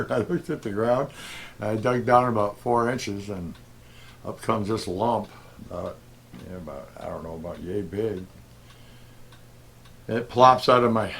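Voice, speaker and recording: A middle-aged man telling a story in a casual, rambling way, full of fillers and soft chuckles, as a gold prospecting vlogger. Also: on the low side, a little hiss or hum. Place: outdoors at a desert detecting spot.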